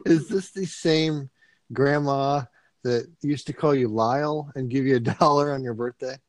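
A man's voice: mid-range voice, steady tone, measured pace, no room sound. A man co-hosting a casual comedy podcast, rambling and laughing often as he talks. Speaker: podcast co-host.

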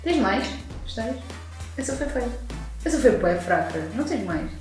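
A young woman with a European Portuguese accent and a high voice, reacting loudly and joking in casual podcast chat. She answers each story with big, expressive reactions. The room is very echoey. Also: moderate pace, soft background music. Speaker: podcast co-host.

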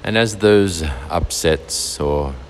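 A man guiding a meditation in a soft, soothing, unhurried way, leaving long pauses between phrases. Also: deep voice, a little hiss or hum. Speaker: meditation guide. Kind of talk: guided meditation narration.

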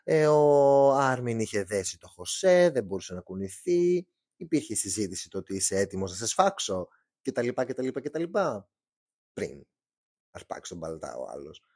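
A young man narrates a true crime case in a loose, chatty way, slipping in slangy jokes as he goes. His voice is mellow and lively in pitch, recorded close and dry. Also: dry recording. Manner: chatty, joking asides, slangy. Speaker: true crime podcast host. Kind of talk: casual storytelling narration.

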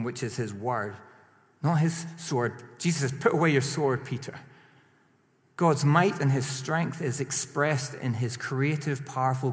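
Man preaching in an echoing hall. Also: medium pitch. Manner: animated, rising to emphatic peaks then dropping quiet. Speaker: pastor. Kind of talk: sermon. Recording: long hall reverb.

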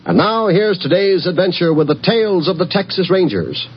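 An American man delivering scripted 1950s promotional announcements as a network radio announcer, with a husky voice. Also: high-pitched, animated, normal speed, noisy background. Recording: dull old radio broadcast.

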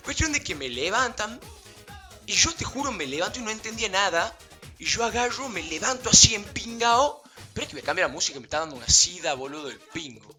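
This is a young man spinning a casual anecdote, full of slang and fillers. His voice sits fairly high and bright, swinging widely in pitch as he goes. Soft music plays faintly beneath him. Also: brisk. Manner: slangy, animated, laughing, rambling with fillers. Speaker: vlogger.

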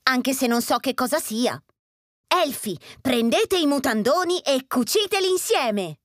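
A man's voice: very high-pitched, animated, measured pace, fairly bright tone, no echo, studio quality, voice pushed up, full character voice. A man doing an eager young fire-breathing elf. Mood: earnest. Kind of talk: children's storybook voice acting.

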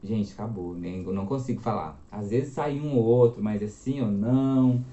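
Chatty young man, mellow roomy sound. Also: on the low side, moderate pace, lo-fi sound. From Minas Gerais, Brazil. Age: 20s. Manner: chatty, animated storyteller. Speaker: guest. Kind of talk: casual interview chat.

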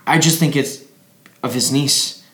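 A man's voice: medium pitch, a little slow, a bit bright, natural voice. A man playing a drugged, injured young man whose mouth is bleeding, rambling and repeating himself in an audio drama. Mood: troubled. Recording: roomy echo.

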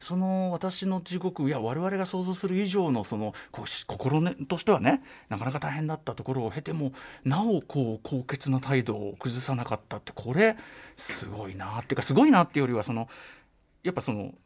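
A male radio host chatting casually at a quick clip. His pitch moves in a very lively way, and he speaks emphatically, often groping for the right word mid-sentence. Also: breathy edge. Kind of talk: casual conversational radio talk.

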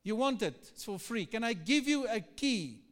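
High-pitched man preaching exhortations in a hall. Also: big pitch swings, normal speed, fairly bright tone. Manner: exhorting, repeats questions and commands. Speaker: pastor. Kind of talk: rousing sermon exhortation, like a pep talk, calling for crowd response. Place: large reverberant church hall. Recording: long hall reverb.

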